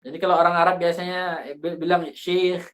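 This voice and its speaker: A man's voice: high voice, flat delivery, a little fast, a bit bright. A man teaching a recitation class, explaining rules informally with lots of fillers and acted-out vowel examples. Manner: informal, thinks aloud with fillers, demonstrates vowel sounds.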